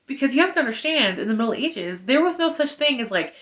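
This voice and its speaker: A young adult woman with a high voice speaks quickly in a casual book review. She retells the plot in an animated, chatty way, full of filler words.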